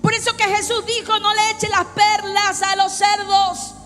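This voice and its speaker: A middle-aged woman pastor preaching a fervent sermon, rising into shouts at times. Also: extremely high pitch, monotone, unhurried. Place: church sanctuary. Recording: long church reverb with faint music.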